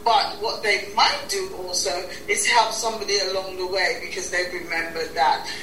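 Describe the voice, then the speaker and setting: A woman in her sixties from Guyana speaks reflectively as an interview guest, often repeating words as she begins a thought; she is also described as a talk show host. Her mid-range voice is bright and forceful, with fairly even intonation at a moderate pace. The rough recording is reverberant, from a distant mic, with a little hiss or hum.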